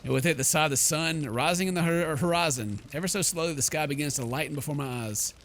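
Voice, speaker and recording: A man narrates game text aloud in a dramatic manner for a let's play video, regularly breaking away for casual, jokey asides. He talks quickly in a slightly high, fairly bright voice, with game music playing and a little background noise.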